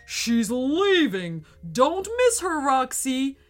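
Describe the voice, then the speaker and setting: Bright, shouty storybook sea monster, male and greedy, put on by a woman narrator. Lively pitch. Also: faint music behind, full character voice. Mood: urging. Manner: shouting, drawn-out. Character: hungry sneaky male sea monster, loud.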